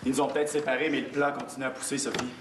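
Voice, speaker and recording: A man's voice: medium pitch, little pitch movement, racing, natural voice. A man playing an ardent, devoted suitor in melodramatic improv comedy, with a Quebec French accent. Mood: romantic. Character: ardent, devoted grown suitor Samuel reunited with sweetheart. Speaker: improv player. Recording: echoey hall, distant mic, loud noise.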